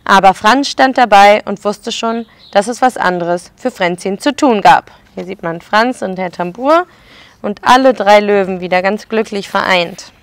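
A woman preschool educator reading a picture book aloud to children and pausing to explain the pictures. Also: mid-range voice, no echo.

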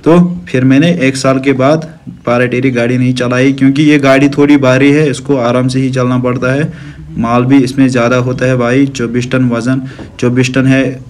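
एक जवान कश्मीरी लहजे वाला आदमी, जो फ़ोन हाथ में लेकर दर्शकों को अपना ट्रक दिखाता और समझाता है।. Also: male voice, mid-range voice, slight background noise. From Kashmir. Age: young adult. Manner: friendly, shows things off to viewers. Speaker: trucker vlogger. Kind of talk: casual vlog walkthrough. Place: outdoors beside parked trucks and in the cab. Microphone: phone camera at arm's length.

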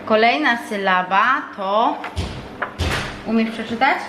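A woman teaching her young son to read at home, explaining calmly and patiently with frequent hesitations. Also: on the high side, slow pace. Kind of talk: home reading lesson vlog. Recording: echoey room with faint noise.

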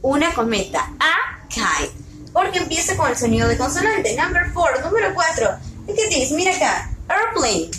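A high, very lively woman teaching young children, patient and unhurried, asking questions and repeating each word. She sounds like she is in a roomy, echoey space with faint background noise. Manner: slow, patient, asks questions and repeats words. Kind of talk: bilingual lesson for young children.

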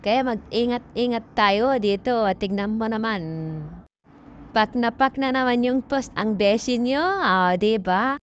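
A woman's voice: fairly high pitch, measured pace, lo-fi sound, a little hiss or hum. A woman chatting playfully to her viewers while hiking on a mountain peak, filming with a handheld phone. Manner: bubbly, playful, addresses viewers as friends. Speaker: vlogger.

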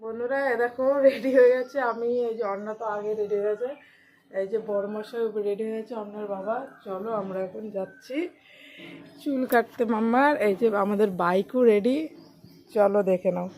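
A woman's voice: medium pitch, steady tone, a little fast, mellow. A woman casually narrating a family vlog to her viewers, chatty and pointing things out as she films. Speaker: family vlogger. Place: outdoors and in a small local salon. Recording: noisy street and outdoor sound.

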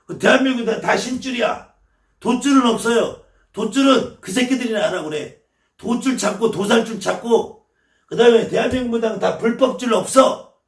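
A man's voice: very high voice, normal speed, echoey room, far from the mic. A man from the Chungcheong region, a shaman teaching his viewers, blunt and scolding and swearing freely as he lectures. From Chungcheong, South Korea.

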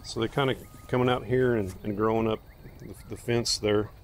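In a folksy, plainspoken manner, a man gives a casual, unscripted tour of his homestead garden outdoors. His fairly low voice stays steady at normal speed, and the recording picks up faint ambient noise.

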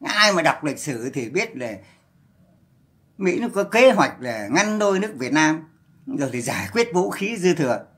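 A man's voice: fairly high pitch, sing-song, moderate pace, fairly bright tone. A man ranting on a livestream, scolding and cursing in a heated voice. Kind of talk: angry livestream rant.

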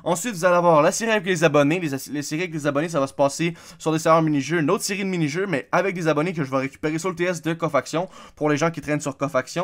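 A man's voice: on the high side, racing, hardly any pauses. A man with a Québécois accent giving a casual, rambling channel update to his viewers, with lots of fillers and restarts. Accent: Québécois French. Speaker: gaming YouTuber.

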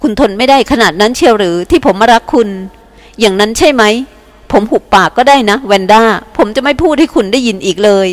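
A woman's voice: a little high, lively intonation, a little fast, natural voice. A woman reading the lines of a grief-stricken young man who pleads desperately in an audiobook. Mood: desperate pleading. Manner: shouting then whispering, desperate.

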